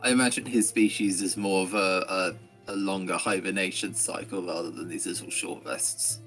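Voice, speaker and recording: A man with a fairly low voice talks casually through a tabletop role-playing game. Clear music plays behind him. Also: steady tone, moderate pace, fairly bright tone.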